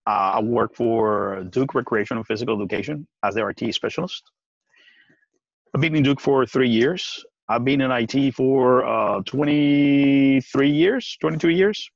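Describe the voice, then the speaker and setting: Sitting out on a deck beside trees, this guest, a man in his forties from Puerto Rico, talks earnestly in a casual interview over video call, laughing frequently and stopping to restart. His mid-range voice is gravelly. The webcam picks him up with a dull, lo-fi sound and no echo.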